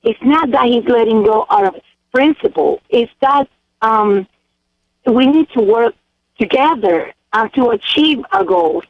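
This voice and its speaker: A woman's voice: on the high side, a little slow, dry recording. A woman from El Salvador calling into a radio show, speaking earnestly and hesitantly with many ums. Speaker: caller. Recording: tinny phone line.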